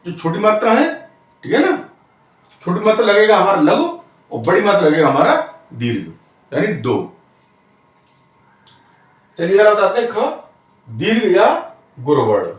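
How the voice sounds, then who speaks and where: A man teaches grammar in a lively, up-and-down voice that sits high for a man. He explains slowly and step by step, checking in with his students as he goes. He is recorded from a distance in a very echoey room. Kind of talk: classroom-style lesson.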